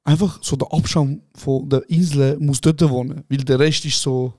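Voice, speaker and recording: Ein junger Mann aus der Schweiz mit Schweizerdeutschem Akzent, Co-Host eines Podcasts, der eine Ferien-Anekdote lebhaft und aufgedreht erzählt und andere Leute laut nachspielt. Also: male voice, mid-range voice, moderate pace, dry recording, clean studio sound. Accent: Swiss German. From Switzerland. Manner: excited anecdote telling, acting out other people with shouts, calls the other host "Bro". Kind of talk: casual chat, animated storytelling.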